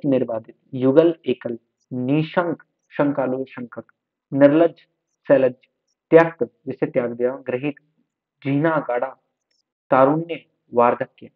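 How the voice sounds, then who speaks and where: A slightly unwell man teaching an online exam-prep lesson, repeating each word to drill it. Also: mid-range voice. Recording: tinny phone-like sound.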